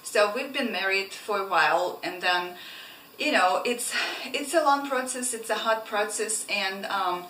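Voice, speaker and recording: A woman's voice: medium pitch, a little slow, bright, forceful tone. A young woman from Ukraine, chatting casually in a vlog with many fillers and restarts. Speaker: travel vlogger. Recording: roomy, slightly distant mic, faint room noise.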